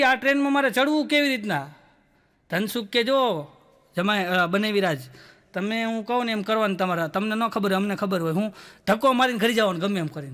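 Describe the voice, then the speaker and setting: A man's voice: high-pitched, a bit bright. A man with a Gujarati accent telling stand-up jokes, acting out the characters in his stories and laughing through the punchlines. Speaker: stand-up comedian.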